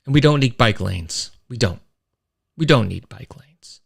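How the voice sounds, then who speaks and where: A man's voice: medium pitch, a little slow, creaky, husky. A middle-aged man, hosting a casual live-stream monologue, rambling with restarts. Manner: animated storyteller, rambling with restarts and sound effects. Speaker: host of a weekly live-stream show.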